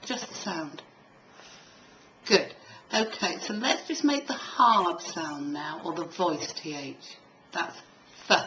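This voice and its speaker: A woman's voice: fairly low pitch, slow, pushed and bright. A woman teaching a one-to-one pronunciation lesson, giving instructions, demonstrating sounds and prompting with questions. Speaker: elocution teacher. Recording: echoey room with faint background noise.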